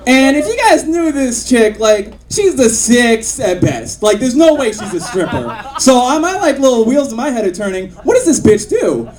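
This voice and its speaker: High-voiced young male stand-up comic. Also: very animated, normal speed, few pauses, a little mellow. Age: 20s. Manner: rambling, filler-heavy, crude punchlines. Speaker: stand-up comedian. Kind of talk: stand-up set. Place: comedy club stage with live audience. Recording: audience laughter behind. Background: crowd laughing.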